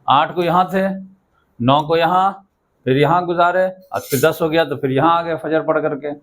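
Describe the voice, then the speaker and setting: A male teacher giving a lesson, who keeps asking his listeners questions, answers them himself, and checks after each step that they have followed. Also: fairly high pitch. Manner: repeats checking "okay?" often.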